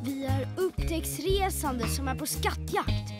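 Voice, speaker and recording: A woman's voice: high voice, lightly acted. A woman dubbing a playful young boy prince in a children's cartoon, using grand royal phrases. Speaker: cartoon character. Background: children's music.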